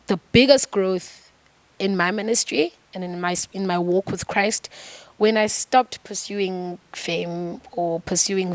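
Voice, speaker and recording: A young South African woman speaks with earnest, sermon-like conviction as a guest in a podcast studio. Her voice sits at an ordinary pitch for a woman, close and dry with almost no room sound. She talks openly and from the heart. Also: no room sound. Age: young adult. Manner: earnest, preachy testimony. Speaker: gospel singer guest. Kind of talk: candid podcast interview.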